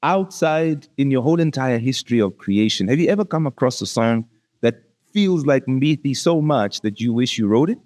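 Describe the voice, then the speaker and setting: Chatting loosely with a musician guest, this male podcast host speaks in slang and calls people things like "bro." His mid-range voice has a darkish tone, lively intonation, and a moderate pace, and the interview stays casual and conversational.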